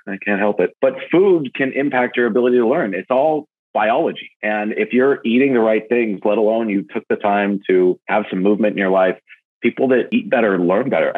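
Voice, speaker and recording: A man with a low, husky voice speaks casually as an interview guest. He tells animated stories, and his pitch leaps up when he gets excited. The audio is thin and narrow, like a phone call. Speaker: podcast guest, event marketer.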